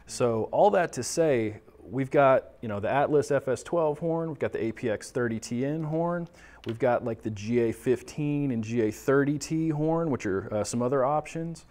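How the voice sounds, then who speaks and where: A Texan man in his thirties with a medium-pitched, slightly mellow voice talks at a moderate pace. He's a tech presenter giving a casual, conversational explainer on audio products, often asking questions and then answering them himself. He's seated or standing at a table in a small indoor studio office.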